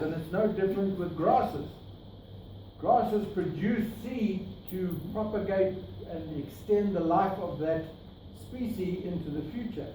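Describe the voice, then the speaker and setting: Speaking with a South African accent, this middle-aged man has a high, warm voice. He walks a workshop group through slides in a projector-equipped meeting room, pointing out details along the way. The recording comes from a far camera without a mic and sounds distant, echoey and noisy.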